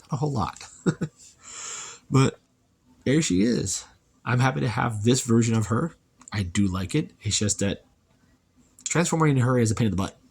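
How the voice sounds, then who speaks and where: A man casually reviewing a toy, chatty and relaxed, thinking aloud as he handles it. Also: mid-range voice, normal speed, gravelly, long pauses, husky.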